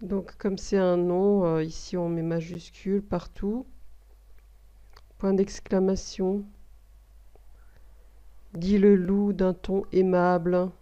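Female teacher, slow patient dictation, dark mellow voice, muffled recording. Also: lowish voice, level tone. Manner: slow, repeats words, explains grammar step by step. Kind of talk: slow spelling dictation lesson. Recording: dull lo-fi recording.

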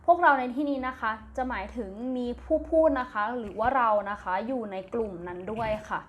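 A woman's voice: a little high, animated, fairly quick, slight background noise. A woman with a Thai accent teaching a primary English lesson, spelling words letter by letter, repeating each word twice, then giving its meaning. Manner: gentle, patient, ends phrases with polite particles. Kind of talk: slow recorded classroom lesson.

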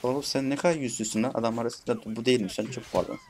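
A young man talks his way through a shooter match in loose, casual commentary. He chats with viewers, mutters at bots and curses in jest. His voice sits at an ordinary middle pitch for a man. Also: steady tone, very fast, slight background noise. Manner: chatty, swears playfully at bots, shouts when frustrated. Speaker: gaming YouTuber.

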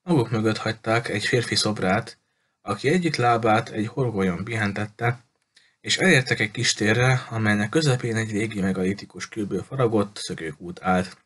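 A man narrating an audiobook in a steady storytelling manner. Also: fairly low pitch. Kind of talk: audiobook reading.

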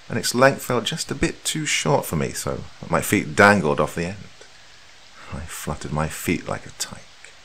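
Deep-voiced man narrating horror. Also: fairly bright tone, a little hiss or hum, poor audio. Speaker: horror podcast host and narrator.

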